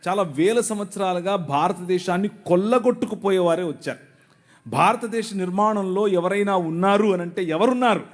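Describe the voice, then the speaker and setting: A man with a notably high voice delivers a sermon to thousands in a large venue. He moves between playful banter with the crowd and careful, teacherly explanation. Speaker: preacher. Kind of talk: sermon to a live audience.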